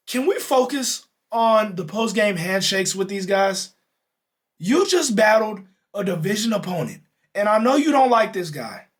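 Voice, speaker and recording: A young man hosting a podcast, ranting in a heated, exasperated way about a football game and straining a voice he says is going hoarse. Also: high-pitched. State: losing his voice. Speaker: podcast host. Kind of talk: animated sports reaction rant.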